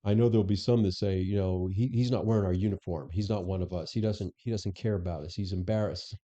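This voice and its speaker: A middle-aged man with a deep, very dark and mellow voice tells stories as a guest. He acts out old conversations as he goes. The sound is a bit dull and lo-fi. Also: fairly even intonation, fast. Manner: anecdotal, acts out quoted dialogue. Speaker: interview guest, former police superintendent. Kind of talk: conversational storytelling.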